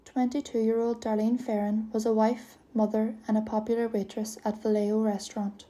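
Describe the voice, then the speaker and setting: Dark, flat-voiced woman narrating. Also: a little high, normal speed, faint music behind. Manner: steady, even reading. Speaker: podcast host. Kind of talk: scripted true-crime narration.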